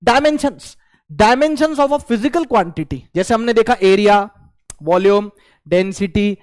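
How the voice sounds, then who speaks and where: A man's voice: sits high, takes it slowly, no room sound. A young man teaching a physics lesson for exam prep in a playful, slangy way, often acting out his students' replies.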